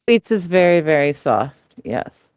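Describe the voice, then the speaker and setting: Male co-host, unhurried and easygoing, clear voice, close dry mic. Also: a little high, very animated, no echo. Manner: laid-back, agreeable. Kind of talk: casual chat.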